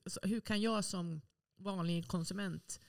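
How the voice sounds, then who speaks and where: A woman's voice: fairly low pitch, steady tone, vocal fry, no echo, clean studio sound. A woman, a journalist guest on a podcast, chats casually and asks eager follow-up questions.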